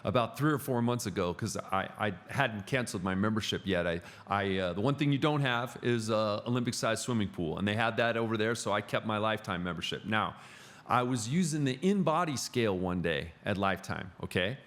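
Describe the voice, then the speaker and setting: A middle-aged man chatting casually on a podcast, telling animated stories with frequent restarts. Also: on the low side, brisk. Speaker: gym client and podcast guest. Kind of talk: casual podcast chat, storytelling.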